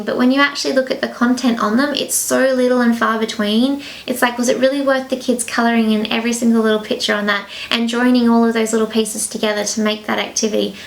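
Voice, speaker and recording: A woman's voice: a little high, gravelly, poor audio. A woman, a teacher giving chatty, reassuring advice to new teachers in a casual vlog, a little out of breath. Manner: chatty, fast-flowing, reassuring advice with many asides.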